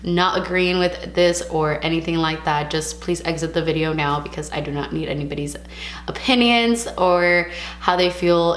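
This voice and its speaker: A young woman from California, a vlogger, talks to the camera casually, chatty and frank, sprinkling in the odd Spanish word. Her voice is slightly lower and a touch raspy from a sore throat. It echoes around the room over a faint, steady hum.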